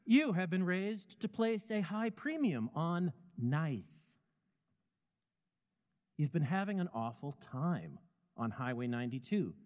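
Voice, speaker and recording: Man narrating a story with lively pitch. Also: in a large hall. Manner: measured, vivid storytelling. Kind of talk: scripted second-person narration.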